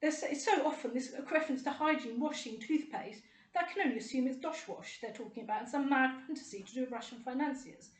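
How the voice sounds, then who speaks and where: A woman's voice: high voice, fast, reverberant. A middle-aged woman, delivering an indignant, rambling and sarcastic monologue to camera. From United Kingdom. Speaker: vlogger.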